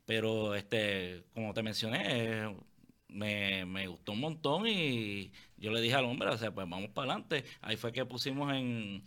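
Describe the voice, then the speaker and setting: A man, an actor answering interview questions in a relaxed way, often saying "este". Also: fairly low pitch, unhurried. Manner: relaxed, uses filler "este". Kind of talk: casual interview talk.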